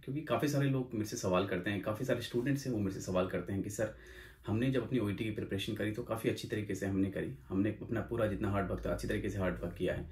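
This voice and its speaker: Young guy talking really fast, exam coach host, chatty, keeps repeating himself and slips english words in. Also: mid-range voice, darkish tone. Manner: rapid, repetitive, mixes English phrases into Hindi. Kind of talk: casual explanatory video talk.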